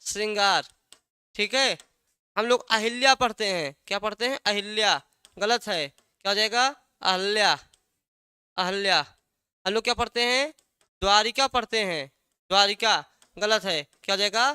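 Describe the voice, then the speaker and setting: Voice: medium pitch, normal speed, pushed and bright, smooth, no room sound, studio quality. A teacher giving an exam-prep language lesson, asking a question and then answering it, repeating key words again and again.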